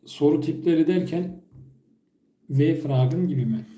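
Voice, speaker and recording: A man whose first language is Turkish, teaching basic German phrases during a live stream and repeating each one slowly and carefully. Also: on the high side, warm tone, roomy sound. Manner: slow, careful repetition of phrases.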